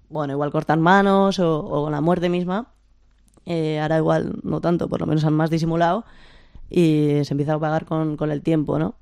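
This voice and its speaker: An androgynous, mid-pitched voice with a Spain accent and a lisp. It is smooth with some vocal fry, recorded very dry. The speaker explains ideas informally and haltingly, checking in with little tag questions. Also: a little mellow, no room sound. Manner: lisping, pronouncing s as th. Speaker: discussion leader.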